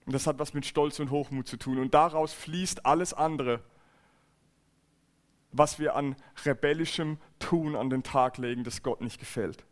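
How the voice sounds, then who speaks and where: A man's voice: on the high side, normal speed. A man preaching a church sermon, earnest and emphatic, often repeating and restarting phrases. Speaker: pastor. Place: church service.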